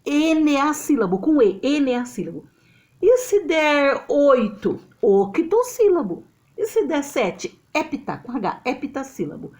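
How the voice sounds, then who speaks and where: Speaking slowly in a high voice with a Brazilian Portuguese accent, a Brazilian woman gives a literature lesson into a camera, picked up by its mic. She's animated, walks through the material step by step, and keeps checking understanding with tag questions.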